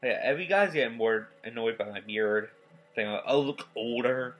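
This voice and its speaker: A nineteen-year-old man giving a casual, rambling vlog update, tired and yawning, talking in halting stops and restarts. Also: mid-range voice, fairly bright tone, faint music behind, rough recording. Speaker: gaming YouTuber. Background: faint game soundtrack.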